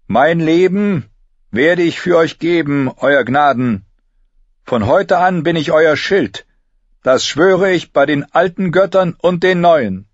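A man's voice: sits high, measured pace, no echo, dull audio, pitched above the performer's own voice. A man voicing a proud, earnest young woman knight who makes a solemn, fervent vow, in an audiobook.

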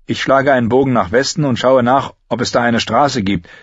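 A man reading an audiobook voices a humble young male apprentice who speaks in a hesitant, deferential, halting way, with a husky tone. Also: medium pitch, no echo, lo-fi sound, voice pushed up, close to an everyday voice.

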